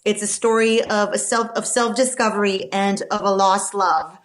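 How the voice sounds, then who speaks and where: Here a Romanian novelist, interviewed on a podcast, gives measured, reflective answers marked by frequent fillers and false starts. Her voice is medium in pitch and steady in tone.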